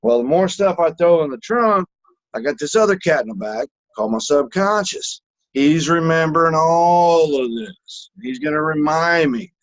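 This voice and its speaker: A man's voice: on the high side, animated, normal speed, no room sound, muffled recording. A man co-hosting a casual podcast, telling stories animatedly, acting out voices and swearing freely. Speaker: podcast co-host.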